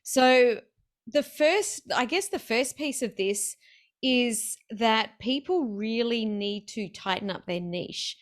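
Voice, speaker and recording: Excited chatty woman hosting an interview. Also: a little high. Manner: excited, chatty, quick laughs. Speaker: podcast host. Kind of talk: casual interview chat.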